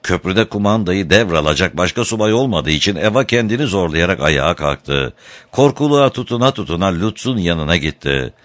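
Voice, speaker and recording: Deep-voiced man reading an audiobook. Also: expressive, brisk, no echo. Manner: dramatic, raises voice for shouted quotes. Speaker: narrator. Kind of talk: audiobook narration.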